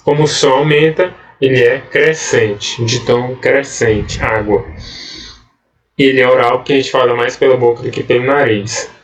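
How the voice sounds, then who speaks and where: A man teaching a grammar lesson to middle-school students, explaining step by step, drawing out key words and checking in with quick "ok?" tags, in a Brazilian accent. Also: medium pitch, fairly even intonation, far from the mic, soft background music. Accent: Brazilian Portuguese. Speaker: Portuguese teacher. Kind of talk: recorded grammar lesson for seventh graders.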